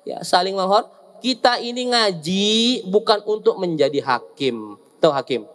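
A male preacher, giving a lively, joking sermon to a seated audience and often teasing them. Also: high-pitched, unhurried. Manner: joking, teasing the audience with asides and acted quotes.

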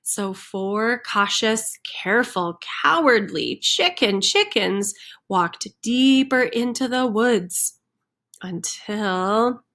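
A children's center storyteller reads a picture book aloud to young children, leaning expressively on the rhyming sound words. Her voice is on the high side, animated and fairly bright, and she reads at a slow pace. She's captured by a computer microphone on a screen recording with webcam.

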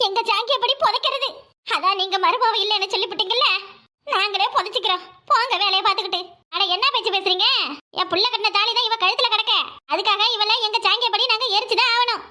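A blunt, scolding cartoon mother-in-law from a village, as a woman puts her on. Her voice sits very high and rings bright and sharp. She talks with a mocking, bossy edge. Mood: defiant. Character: harsh scheming rural mother-in-law, older woman. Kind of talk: cartoon voice acting.

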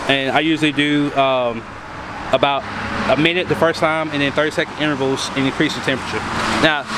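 A man rambles through a casual how-to at his workbench, with frequent ums and false starts. His voice sits at an ordinary middle pitch. Steady background noise hums under the handheld camera audio. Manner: rambling, many ums and restarts. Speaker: fishing lure maker showing his baits. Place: workbench in a workshop.

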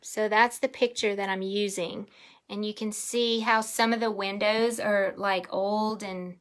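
A woman's voice: mid-range voice, steady tone, unhurried, a bit bright, far from the mic. A woman, leading a live painting tutorial in a chatty, giggly way. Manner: chatty, giggly, says y'all. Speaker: painting instructor.

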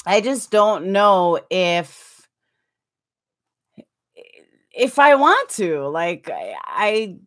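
Very slow and sing-song, with many pauses, her mid-range voice has a slightly bright tone. A woman in her forties, she hosts a laid-back livestream from a small curtained room via desktop webcam, chatting, reading viewer comments aloud self-mockingly, and laughing often.

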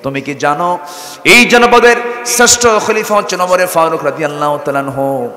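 A man's voice: on the high side, moderate pace, pushed and bright, pitched above the performer's own voice. A male preacher voicing a defiant young wife who scolds and lists faults, in an echoey hall. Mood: threatening. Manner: indignant, scolding, listing faults. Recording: echoey hall with long reverb.

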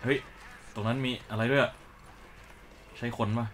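Guy commentating a game, swears a lot, jokey, game sounds clearly behind. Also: mid-range voice, unhurried, a little hiss or hum. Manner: swearing, excitable, joking. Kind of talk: let's play commentary with live dubbing.

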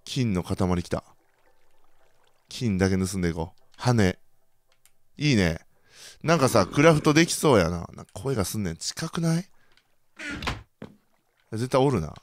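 Excitable Kansai man playing a game. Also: a little slow, pauses often, a little hiss or hum. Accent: Kansai Japanese. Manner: excitable, reacts loudly to surprises, then mutters low. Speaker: gaming channel host. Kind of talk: let's play commentary.

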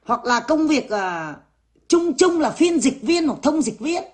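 A woman's voice: high voice, big pitch swings, measured pace, darkish tone. Brash, swearing woman. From Vietnam. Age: 30s. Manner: blunt, brash, swears freely. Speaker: vlogger. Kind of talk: ranting monologue to viewers.

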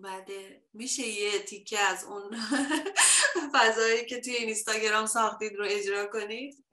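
A woman's voice: medium pitch, sharp tone. A woman hosting an interview, asking polite, encouraging questions. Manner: polite, encouraging, laughs often. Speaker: interview host. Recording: echoey room.

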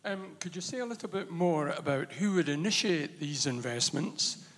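A man in the audience asking a brisk string of questions in a large hall. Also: on the high side, animated, fairly bright tone. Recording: long hall reverb.

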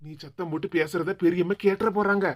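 A performer voicing a good-natured young male office worker in an animated cartoon, speaking with a Kanyakumari Tamil accent in a teasing, pleading manner. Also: mid-range voice, fast, over music, close to an everyday voice.

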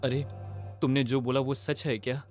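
A man's voice: medium pitch, little pitch movement, normal speed, soft background music, natural voice. A young man dubbing a brash, impatient college student for a Hindi film dub. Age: young adult. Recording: loud background noise.

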